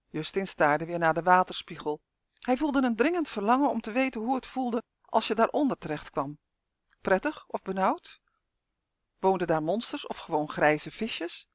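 A narrator reading a children's novel aloud as an audiobook, telling it in a steady, expressive way. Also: medium pitch, no room sound, studio quality.

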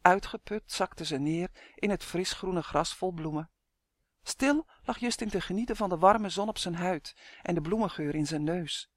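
A woman narrating a children's story in an expressive storytelling rhythm. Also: fairly low pitch, moderate pace, no room sound, studio quality. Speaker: audiobook narrator.

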